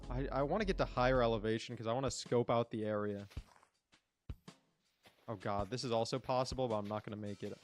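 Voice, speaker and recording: A man's voice: mid-range voice, a little fast, long pauses, faint music behind. A man streaming a game, rambling casually and talking to his chat. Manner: rambling, chatty, talks to chat. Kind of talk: casual gameplay commentary.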